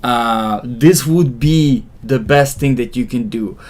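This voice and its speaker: A man's voice: medium pitch, slow pace, a little mellow. Man giving reassuring immigration advice. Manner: explanatory, reassuring, with frequent fillers and restarts. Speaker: immigration consultant answering viewer questions. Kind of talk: casual livestream advice.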